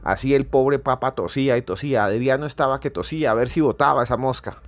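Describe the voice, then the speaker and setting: A man hosting a podcast, telling a story with theatrical, repetitive build-ups that swell to near-shouting. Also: mid-range voice, quick pace, dry recording. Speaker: podcast host. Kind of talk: dramatic storytelling narration.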